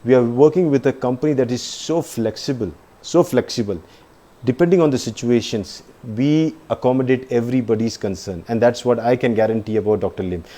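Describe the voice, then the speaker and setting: A man of middle pitch hosts a live-stream business talk. He is chatty and effusive, and he often pauses on fillers. He is full of praise and thanks. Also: dark tone.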